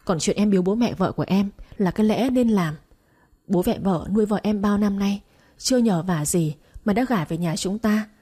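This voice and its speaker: A young husband, read by a woman narrator argues firmly and with rising exasperation. The tone stays mellow and a little husky, in an audio storybook. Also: mid-range voice, normal speed, lightly acted. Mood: exasperated. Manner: firm, exasperated pleading. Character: firm young husband defending his wife.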